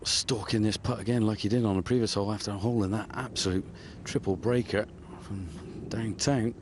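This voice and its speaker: A man's voice: on the low side, fairly even intonation, a little fast, noisy background. A man giving live golf commentary as a commentator at a tournament.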